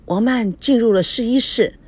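A woman's voice: fairly high pitch, normal speed, a little mellow, breathy edge. A woman narrating a novel as an audiobook, reading every part herself. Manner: plain storytelling, reads every part herself.

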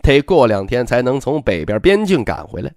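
A man's voice: medium pitch, fairly quick, dry recording, studio quality. A man voicing a wry, easygoing young nobleman in a storybook reading. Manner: wry, relaxed.

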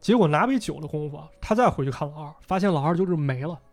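A man's voice: a little high, expressive, fast talker. A man hosting a podcast, casually retelling a story and voicing the characters' lines as he goes. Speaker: podcast host.

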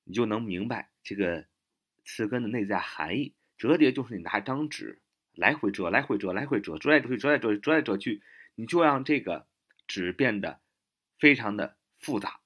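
A man with a fairly low voice gives a spoken vocabulary lesson. He repeats each English word several times and spells it out letter by letter. His explanations are dotted with small filler particles. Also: expressive, fairly bright tone. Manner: shifts to English and sounds out words slowly.

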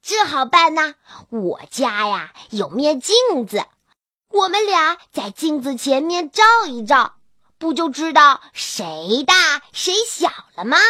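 A woman's voice: high voice, sing-song, slow pace, sharp tone, no room sound, studio quality, full character voice. A woman voicing a small, clever kitten in a children's storybook reading, talking in a sly, persuasive way.

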